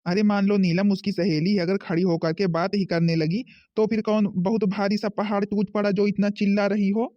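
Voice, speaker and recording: A voice actor playing a calm father in an animated cartoon, reasoning and reproachful toward his wife. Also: medium pitch, moderate pace, hardly any pauses, no echo, dull audio, lightly acted. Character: mild-mannered father defending his daughter.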